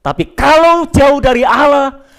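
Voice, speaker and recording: Guy preaching in church, really high voice, goes big then drops low and quiet. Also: unhurried. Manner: emphatic preaching, swinging between loud declarations and low, quiet asides. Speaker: pastor. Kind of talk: sermon. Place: church, addressing congregation and home viewers.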